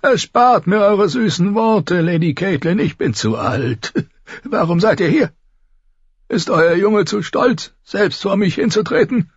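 A man voicing a crotchety, spiteful lord of ninety with a high, cracked cackle, in an audiobook reading. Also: animated, a little slow, husky, no room sound, dull audio, heavily acted. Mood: suspicious. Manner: scornful, barking.

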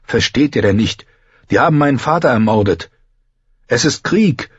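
A man's voice: medium pitch, animated, moderate pace, slightly rough, dry recording, pitched above the performer's own voice. A man voicing a stubborn, desperate young male recruit who talks with urgent defiance, in an audiobook reading. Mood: pleading. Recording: muffled lo-fi, dry.

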